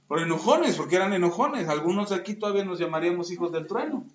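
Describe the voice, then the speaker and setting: A man preaching a sermon as pastor, lively and joking, speaking straight to his congregation. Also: high-pitched, quick pace, a little hiss or hum. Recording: echoey room, dull lo-fi sound.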